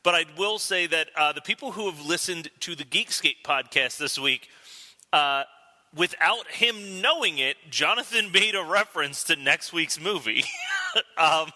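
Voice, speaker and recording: Podcast host, male, very bright forceful tone, slightly high, reverberant room. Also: animated, a little slow. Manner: laughing, loose sign-off patter. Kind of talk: casual chat.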